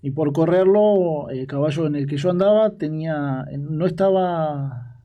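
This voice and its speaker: A young man telling stories from his years as a ranch hand in an interview, halting and repeating his words. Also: a little high, dull audio. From Argentina. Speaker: guest, former ranch hand. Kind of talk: storytelling interview.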